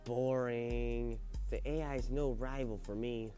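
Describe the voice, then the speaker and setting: A man's voice: mid-range voice, fairly even intonation, measured pace, warm tone, soft background music, lightly acted. A man voicing a confident, boastful teenage gamer in a game story, cocky in manner. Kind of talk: game story read aloud.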